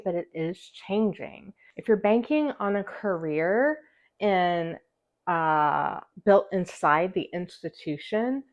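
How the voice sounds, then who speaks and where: Lisping woman with a retainer, lowish voice. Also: muffled recording. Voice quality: slight lisp from wearing a retainer. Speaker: host, music teacher and musician. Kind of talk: scripted direct-to-camera vlog, encouraging advice.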